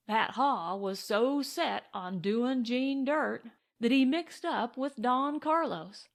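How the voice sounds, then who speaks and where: In an audiobook western, a woman with a voice on the high side plays an excited, grateful cowboy gold prospector, delivering folksy, boastful talk.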